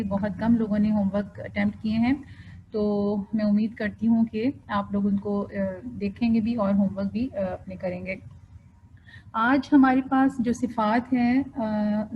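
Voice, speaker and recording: A woman teaching a Quran recitation class online, patiently drawing out example words slowly and mixing English terms into her explanations. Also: mid-range voice. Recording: dull lo-fi with faint noise.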